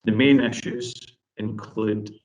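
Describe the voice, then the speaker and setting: A man's voice: lowish voice, steady tone, a little mellow, far from the mic, a little hiss or hum, low-quality recording. Man's choppy, breaking-up video-call audio. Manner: measured, formal and procedural. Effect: choppy audio breaking up over a failing video-call stream. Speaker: planning officer. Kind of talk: formal report presentation at an online meeting.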